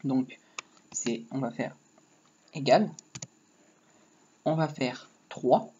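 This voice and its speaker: A man's voice: mid-range voice, very slow, mellow. A man giving a casual screen-recorded coding lesson, rambling and joking to himself while he types. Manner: rambling, joking asides, talks while typing. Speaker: HTML tutorial teacher. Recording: dull lo-fi mic with faint noise. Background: keyboard typing.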